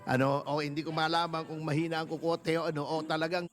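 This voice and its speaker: A man's voice: a little high, little pitch movement, fast talker. A male lawyer as a guest in a casual interview, talking bluntly and mockingly and laughing as he speaks.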